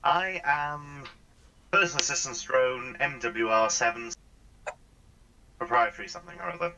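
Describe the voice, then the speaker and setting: A man's voice: on the high side, sing-song, a little slow, vocal fry, sharp tone, highs cut off, a little hiss or hum, heavily acted. A man voicing a talkative, pushy, melodramatic personal assistance drone in a tabletop role-play. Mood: chatty. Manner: dramatic, wheedling, over-familiar.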